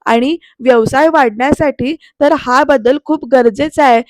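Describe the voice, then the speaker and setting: A woman reading the lines of a calm, earnest young woman who pleads politely and reasons with an elder. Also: high voice, dry recording, studio quality. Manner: polite, persuasive, measured.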